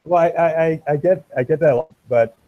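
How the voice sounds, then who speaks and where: A man's voice: fairly high pitch, a little fast, no echo, phone-quality sound. Hesitant Canadian man, slight French accent. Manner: hesitant, many restarts. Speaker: podcast guest. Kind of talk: casual interview chat.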